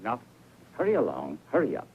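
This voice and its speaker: An actor playing a gruff male servant who leads new maids to the house, talking in a curt, commanding way. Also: medium pitch, huge pitch swings, fairly quick, noisy background. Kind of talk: 1960s film acting. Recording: dull old film soundtrack.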